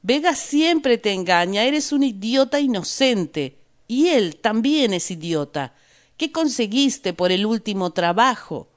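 A woman voicing a worried wife who pleads with and scolds her husband, read slowly as a story for learners. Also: fairly low pitch, close to an everyday voice. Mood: pleading. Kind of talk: reading a story aloud for learners.

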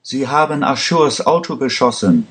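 Ein Mann spricht in einer Hörgeschichte einen jungen Mann in Gefahr mit trockenem Humor. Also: male voice, mid-range voice, animated, normal speed, voice pushed up, natural voice. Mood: tense. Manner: dry, joking. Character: dry-humored young man in danger.

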